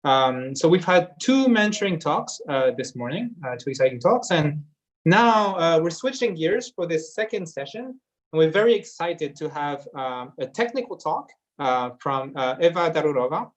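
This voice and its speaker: A man's voice: on the high side, expressive, moderate pace. A man hosting a workshop session over a video call, introducing the next speaker with many uhs and ums. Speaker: session host. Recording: dull lo-fi video call audio.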